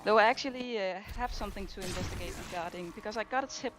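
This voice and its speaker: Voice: mid-range voice, racing. Speedrunner on livestream headset audio. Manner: casual, explains tricks with fillers. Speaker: speedrunner commentating own run. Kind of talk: live speedrun commentary. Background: loud game music.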